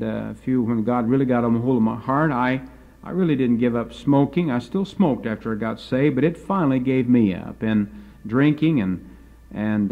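A man's voice: mid-range voice, phone-quality sound. A man teaching a Bible lecture, moving between folksy storytelling and emphatic preaching.

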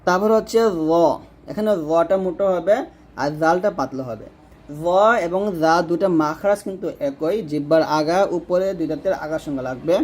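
A man teaches letter sounds in a patient, step-by-step lesson. His voice sits a little high for a man. He says each sound slowly and repeats it for the learner to copy. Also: darkish tone. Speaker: Quran recitation teacher.

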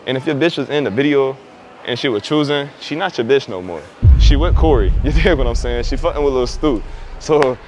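A man's voice: mid-range voice, a little hiss or hum. A man in his twenties, a vlogger who chats up strangers in a brash, slangy, joking way. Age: 20s. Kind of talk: street prank vlog, casual chat. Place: indoor mall and outdoor basketball court.

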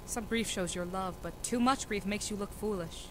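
Brief: a woman doing a stern, impatient mother, mid-pitched voice, noisy amateur recording. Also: moderate pace, close to an everyday voice. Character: cold noble mother, impatient with her daughter. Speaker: student actor in a school reading.

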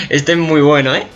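Squealing in fake surprise and swearing freely, a Spanish-accented gaming YouTuber from Spain offers lively, casual reactions. His pitch is fairly high.

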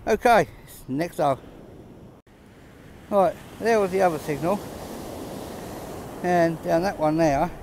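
A man's voice: a little high, slow, long pauses, darkish tone, slight background noise. Chatty man narrating outdoors on a beach. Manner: chatty, understated, chuckles between finds. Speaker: metal detecting vlogger. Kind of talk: casual running commentary while detecting. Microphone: camera held close, filming his hands.

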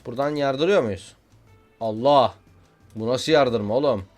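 A young man giving casual, excitable commentary while playing a video game, joking and shouting at what happens on screen. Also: medium pitch, a little slow, faint music behind. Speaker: gaming YouTuber.

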